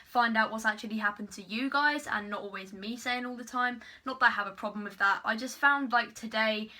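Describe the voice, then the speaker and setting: A woman's voice: on the high side, a little fast, sharp tone. A teenage girl, telling a storytime vlog in a chatty, rambling way, full of "like" and "literally". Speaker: vlogger.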